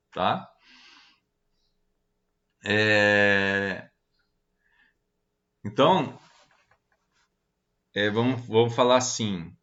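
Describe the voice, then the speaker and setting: A man's voice: mid-range voice, fairly bright tone, lo-fi sound. A man teaching an online lecture, talking casually with many fillers and checking questions as he walks through slides.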